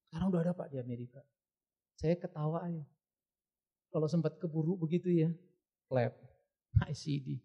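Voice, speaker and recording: A man's voice: a little high, a little fast, long pauses, slightly rough, lo-fi sound. A male pastor giving a sermon in a blunt, joking, direct way.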